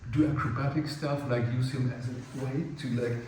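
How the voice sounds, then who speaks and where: A man's voice: medium pitch, fairly even intonation, normal speed, a little mellow. A man with German as his first language explains playfight rules to a group in a big indoor room full of mats. He rambles, uses lots of fillers, and acts out little scenes. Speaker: playfight workshop instructor. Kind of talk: casual spoken explanation of rules. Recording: distant, very echoey room with faint noise.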